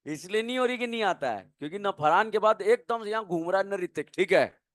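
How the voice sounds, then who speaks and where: High-voiced playful male chemistry teacher. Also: lively intonation, moderate pace, no room sound, clean studio sound. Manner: playful, quizzes students with call-and-response questions. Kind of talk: energetic classroom lecture.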